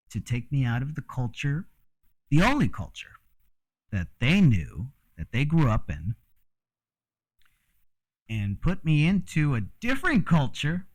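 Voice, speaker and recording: A man who grew up in Mexico, talking in a rambling, frank casual monologue with frequent fillers and the odd curse. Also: medium pitch. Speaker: host.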